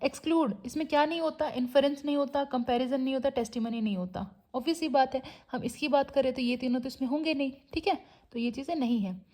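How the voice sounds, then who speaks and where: A woman teaching an exam-prep lecture, often adding a checking tag and reading English definitions slowly with an Indian English accent. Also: high voice, mellow.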